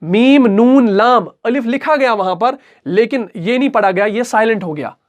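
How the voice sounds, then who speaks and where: High-voiced man teaching recitation rules. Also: lively intonation, a little fast. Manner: patient, repetitive, asks and answers his own questions. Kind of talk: explanatory recitation lesson.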